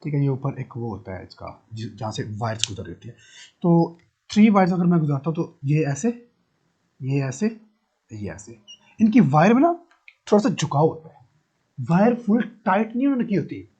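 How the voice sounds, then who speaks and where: A physics teacher gives a lesson, explaining patiently and asking his students questions. His voice is husky and mellow, a little higher than most men's. The recording sounds dull and muffled. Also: sing-song, normal speed. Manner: explains step by step, repeats key terms and asks rhetorical questions. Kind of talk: classroom lecture.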